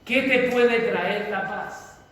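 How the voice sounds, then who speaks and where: A pastor delivers a fervent sermon, leaning hard on each stretched-out phrase. His voice sits unusually high for a man, and he preaches at a slow pace. The sound is distant and booms around a large reverberant hall. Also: a bit bright. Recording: echoey hall from far off.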